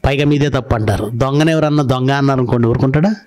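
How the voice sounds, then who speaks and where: A man's voice: medium pitch, rapid-fire, a little mellow. Man preaching with questions. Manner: storytelling preacher, asks rhetorical questions. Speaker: pastor. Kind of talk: sermon.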